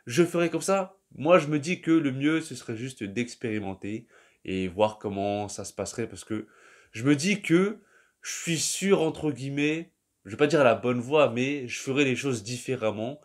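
A man's voice: mid-range voice, expressive, normal speed. A young man, talking casually and at length to his viewers in a loose, slangy monologue that often trails off. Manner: slangy, rambling, addresses the listener as "tu". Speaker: vlogger.

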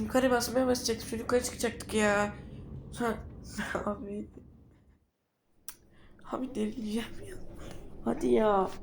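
A man's voice: high voice, gravelly. Man, casual game commentary, exasperated outbursts, noise behind voice. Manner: exasperated, swings between grumbling and loud outbursts. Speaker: gameplay streamer.

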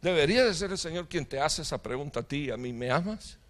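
A middle-aged man preaching a sermon as pastor, with impassioned preaching, sudden loud outbursts and jokes with the congregation. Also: fairly high pitch, lively intonation, fast talker. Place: church hall.

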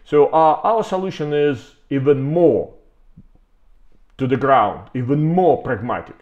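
With a mid-range voice, lively intonation and an unhurried pace, a man talks through his company's products over a webcam with lo-fi sound. He frequently pauses to rephrase things and repeats words to stress them.

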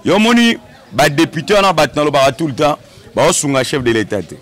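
A man's voice: fairly high pitch, sing-song, quick pace, fairly bright tone, soft background music. A young man answering as a guest in an outdoor interview on a handheld mic, emphatic and full of repetitions. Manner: emphatic, repetitive, hesitant fillers. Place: outdoor courtyard set.

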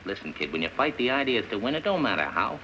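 An actor playing a hard, cynical gangster with a New York accent in 1930s film style. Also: male voice, medium pitch, very animated, fast, natural voice. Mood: hard, instructive. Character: hard, cynical gangster coaching street kids. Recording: noisy, muffled 1930s film soundtrack.

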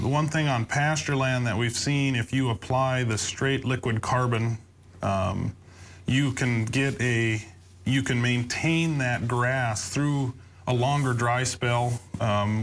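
Halting American man, mid-pitched, some background noise. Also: fairly bright tone. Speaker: crop adviser, sales manager. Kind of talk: informal expert panel talk. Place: TV studio panel desk.

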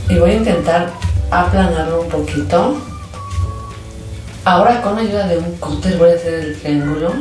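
A woman narrating a hands-on craft video as its host, casually, with an enthusiastic sing-song delivery. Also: low voice. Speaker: host of a slime craft channel. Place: indoors at a tabletop, hands-only shot. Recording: very echoey room, distant mic, background music. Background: music.

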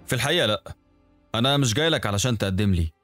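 A man voicing a courteous, mysterious engineer in his fifties with an Egyptian Arabic accent, calm and knowing. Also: lowish voice, very fast, faint music behind. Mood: polite. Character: smiling middle-aged male engineer, polite and mysterious.

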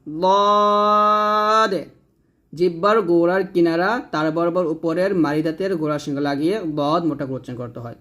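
A man, teaching Quran reading slowly, drawing out each letter name and then explaining how it is said. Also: on the high side, steady tone. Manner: drawn-out letter names, then plain explaining. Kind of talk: slow step-by-step recitation lesson.

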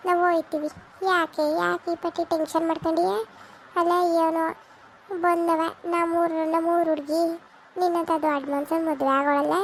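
Scheming village mom, a woman doing her in a skit, whiny and pleading, super high flat voice. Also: a little hiss or hum. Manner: pleading, wheedling. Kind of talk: amateur village skit acting.

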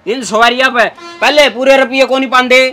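A young man acts out a brash Haryanvi bus conductor in a comedy sketch. His voice is very high for a man and bright, with a forceful edge. He talks in a scolding, sarcastic way, full of mockery. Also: steady tone, a little fast, faint music behind. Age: young adult. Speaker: comic actor. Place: inside a parked bus.

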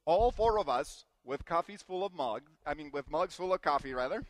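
A man from Guatemala giving a sermon in a church, telling family anecdotes with gentle self-deprecating humor. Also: fairly high pitch, expressive, normal speed, no room sound. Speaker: preacher. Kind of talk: sermon with personal storytelling.

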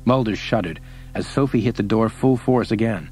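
A man narrating an audiobook in a steady, measured reading. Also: on the low side, soft background music, poor audio. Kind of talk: scripted narration.

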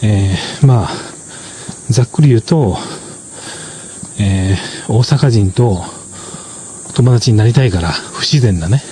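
A man with a low, mellow voice talks through a drama review in a relaxed explanatory way. He is measured and unhurried, and he often pauses on fillers and tag particles. There is a faint hiss behind him. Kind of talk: casual explanatory commentary.

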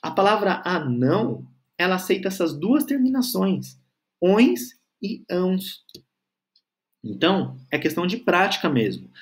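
In an online grammar lesson, a male teacher with a slightly higher voice and very lively intonation explains patiently. He drags out syllables as he spells words and keeps making sure the learner is following.

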